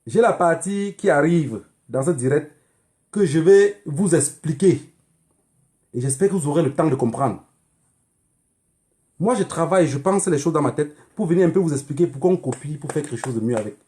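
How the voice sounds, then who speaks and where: An online activist livestreamer speaks at normal speed in a slightly high, dark-toned voice with lively intonation. In a Cameroonian accent, he emphatically admonishes his viewers through a political monologue, repeating himself and asking rhetorical questions.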